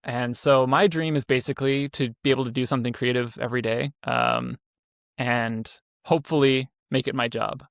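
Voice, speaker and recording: Gravelly-voiced man in his 30s, indie dev guest, loose rambling delivery, dry close sound. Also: mid-range voice, steady tone, moderate pace, no room sound. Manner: rambling, self-correcting, frequent fillers. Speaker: indie game developer guest. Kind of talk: casual interview talk.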